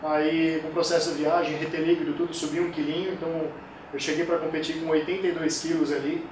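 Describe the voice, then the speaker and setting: This is a kettlebell sport coach in his forties, chatting in a casual interview with a slightly high voice and a fast delivery. He tells animated stories and voices the quotes himself. The audio is far-miked, with echo and background noise.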